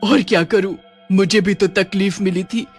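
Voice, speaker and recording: A woman voicing a bitter, vengeful female witch in an animated horror story, menacing and cruel. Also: mid-range voice, normal speed, slightly rough, close to an everyday voice. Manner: menacing, then wailing in pain. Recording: faint music underneath.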